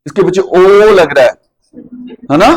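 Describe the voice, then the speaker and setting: A man teaching a classroom lesson, with a rather high voice and a Rajasthani Hindi accent. He keeps quizzing the students and repeats sounds for them to copy. He corrects how they say each sound. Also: unhurried, husky, poor audio. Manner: quizzing and drilling pronunciation.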